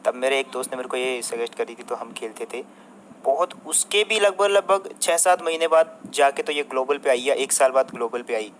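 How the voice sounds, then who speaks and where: A man's voice: mid-range voice, lively intonation, moderate pace, slight background noise, poor audio. A young man, a mobile game streamer ranting at a rival, combative and swearing heavily while turning to his viewers. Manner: addresses the viewers and a rival by turns. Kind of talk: angry rant to viewers.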